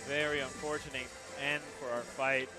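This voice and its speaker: A man's voice: mid-range voice, level tone, moderate pace, over music. A man commentating on mixed martial arts as a fight commentator, often repeating words for emphasis. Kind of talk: MMA commentary.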